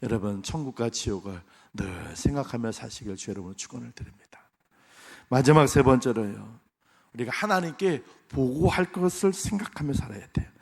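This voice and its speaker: A man's voice: medium pitch, expressive, normal speed, creaky, darkish tone, husky. A male pastor preaching a Sunday sermon, speaking emphatically and directly to his congregation. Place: church sanctuary. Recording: long church hall reverb.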